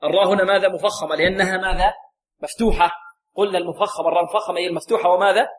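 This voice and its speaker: A man teaching Quran recitation rules, often asking a question and answering it himself, and slowly repeating words to show how to say them. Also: high-pitched, fairly even intonation. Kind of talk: tajweed lesson with call-and-response questions.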